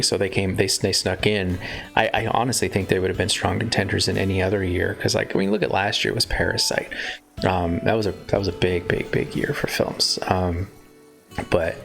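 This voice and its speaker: A man's voice: sits low, gravelly. A man chatting casually on a live stream, rambling and breaking off mid-sentence to joke. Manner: chatty, rambling, self-interrupting. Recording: faint guitar music behind.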